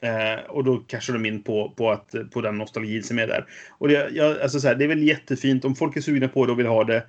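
A man co-hosting a casual board game news chat. He speaks in a measured, hesitant way, with a mildly cynical edge. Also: medium pitch, steady tone, highs cut off. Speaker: podcast co-host.

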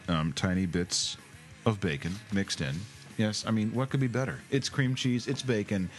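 A man hosts a comedic podcast rant, sarcastic and theatrical, putting on mock emotion. His voice sits on the lower side. Faint music plays underneath. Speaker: podcast host.

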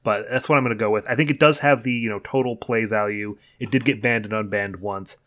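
A man with a Chicago accent co-hosting a casual podcast chat, relaxed and full of fillers. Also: on the low side, fast. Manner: relaxed, filler-heavy, laughs easily. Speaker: podcast co-host.

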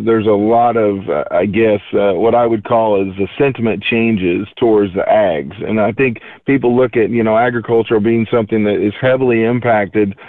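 Heard over the phone on a tinny, dry line with no room sound, a market analyst with a lowish male voice gives casual commentary on the markets. As a guest, he rambles in a folksy manner and leans on many fillers.

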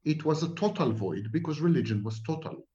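Speaking a little fast in a fairly high, animated and mellow voice, a guest psychology professor from Israel gives long, emphatic answers, repeating himself and making sweeping declarations. The room echoes and the sound quality is lo-fi.

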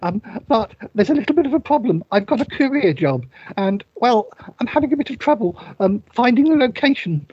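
A woman voicing a flustered male talking duck who quacks between phrases and stammers, with a breathy voice. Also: a little high, big pitch swings, a little fast, few pauses, no room sound. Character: flustered talking duck courier, stuck up a tree. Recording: dry, dull lo-fi recording.

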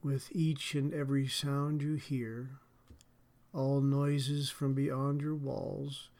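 A man leading a guided relaxation as a podcast host, soothing and deliberate in his measured phrasing. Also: mid-range voice, level tone, darkish tone.

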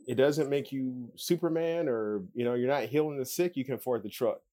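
A man's voice: mid-range voice, a little fast, mellow. A man hosting a podcast, easygoing and plain-spoken as he tells a personal story and asks questions. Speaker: podcast host. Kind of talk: casual interview chat.

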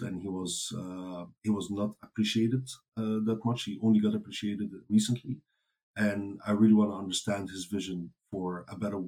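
A man with a lowish, mellow voice, whose first language is Dutch, talks casually as an interview guest, recorded with poor audio quality. He rambles through his answers with frequent fillers and restarts, laughing easily.

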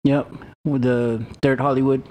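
A man's voice: mid-range voice, little pitch movement, a little slow, mellow, a little hiss or hum. A man in casual podcast chat, joking and acting out the people he quotes.

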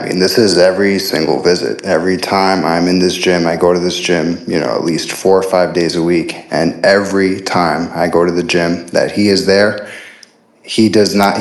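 A man calling in as an anonymous source with his voice run through a deep disguise filter, telling his account in a steady, matter-of-fact way over an online call. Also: moderate pace, echoey room. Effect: voice disguise filter making the voice deep. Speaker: caller, anonymous insider source. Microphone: online audio call.

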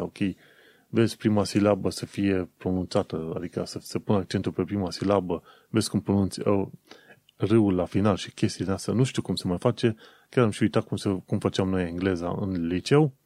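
Young Romanian man, host, deep mellow voice, chatty and rambling, dry close sound. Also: dry recording. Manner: chatty, thinking aloud with many fillers and self-corrections. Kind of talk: casual commentary.

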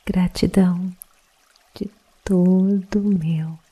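A woman guiding a sleep meditation in a soft, breathy, partly whispered voice, hushed and calming as if late at night. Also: fairly low pitch, takes it slowly. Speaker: meditation guide.

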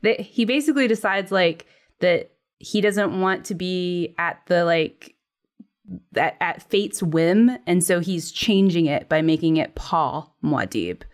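A woman's voice: on the low side, unhurried. A young woman chatting casually, rambling with many fillers as she explains. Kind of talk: casual chat planning a comedy sketch.

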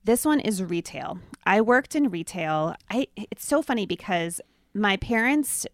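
A woman's voice: medium pitch, expressive, unhurried, no room sound. Woman, middle-aged, chatty storyteller, casual co-host chat, dry close sound. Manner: chatty, laughs often, storytelling. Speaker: podcast co-host.

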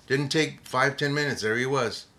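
An older man, a retired police officer, telling a funny story from the job in a casual, animated way, often repeating words. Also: medium pitch, normal speed.

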